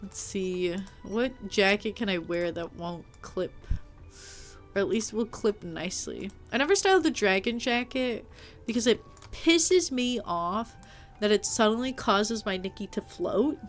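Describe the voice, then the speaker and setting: A woman's voice: mid-range voice, a little slow, faint music behind. Chatty, playful woman streamer. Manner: chatty and playful, teasing her chat and poking fun at herself; animated, with frequent filler "like" and mild swearing. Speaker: live streamer. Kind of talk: casual live-stream chat while playing a game.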